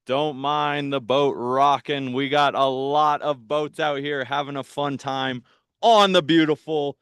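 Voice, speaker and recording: An upbeat man presents a live outdoor field trip from a boat, chatting eagerly with his online audience. His voice sounds smooth and resonant. The sound is close and dry. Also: medium pitch, fairly even intonation, unhurried, fairly bright tone, no room sound. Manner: upbeat, enthusiastic, chatty with viewers. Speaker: park program host. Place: on a patrol boat on a lake, outdoors.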